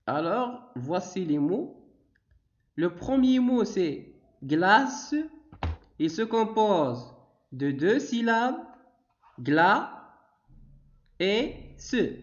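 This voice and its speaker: A male teacher with a Moroccan accent speaks in a high, bouncing voice, stretching every word very slowly. He guides young children through a phonics lesson and keeps praising them. The sound is dull and lo-fi. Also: sing-song. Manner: drawn-out, sing-song delivery with frequent praise. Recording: dull, lo-fi recording.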